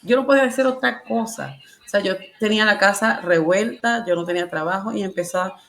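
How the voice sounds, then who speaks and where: A woman's voice: mid-range voice, a little fast, gravelly, a bit bright, a little hiss or hum. Woman, Venezuelan accent, personal faith testimony, casual and heartfelt, laughs often. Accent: Venezuelan Spanish. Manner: colloquial and emotional, laughs often. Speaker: testimony guest.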